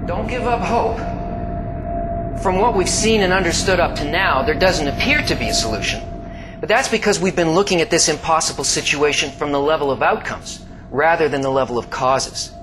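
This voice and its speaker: A man giving slow, scripted documentary-style narration, swinging between hushed low passages and emphatic rises. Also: over music, low-quality recording. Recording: steady background hiss.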